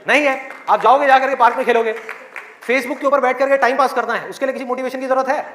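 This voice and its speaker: High-voiced man giving a fiery motivational talk. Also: fairly even intonation, fast talker, a bit bright, slight background noise. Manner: rhetorical questions, acts out students' inner voices. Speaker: motivational speaker. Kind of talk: motivational speech to students. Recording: echoey hall, faint crowd.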